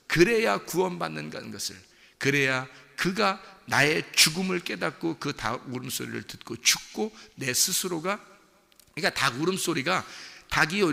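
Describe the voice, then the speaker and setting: A man preaches with a gravelly, bright voice, his pitch swinging widely as he drives home each point. He often turns to check in with his congregation. His voice rings with the long reverb of a church hall. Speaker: pastor. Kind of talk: sermon. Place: church sanctuary.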